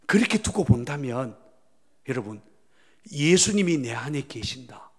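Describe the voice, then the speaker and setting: A man preaching a sermon as pastor. He swings between loud exclamations and hushed whispers and prods the congregation to answer him. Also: mid-range voice, big pitch swings, a little slow, slightly rough. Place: church sanctuary. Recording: long church hall reverb.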